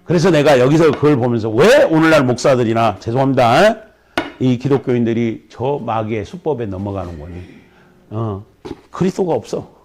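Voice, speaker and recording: 중년 남성 목사가 새벽 예배에서 설교하며, 수사적 질문을 던지고 강하게 꾸짖듯 말한다. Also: male voice, medium pitch, lively intonation, moderate pace, darkish tone, slight background noise. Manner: emphatic, scolding preaching with rhetorical questions. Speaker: pastor. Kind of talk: sermon.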